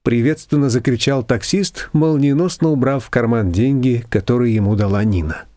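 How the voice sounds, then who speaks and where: An audiobook narrator, a man with a mid-range voice, reads a story aloud in an even, measured way. It's scripted narration with clean studio sound and no room noise.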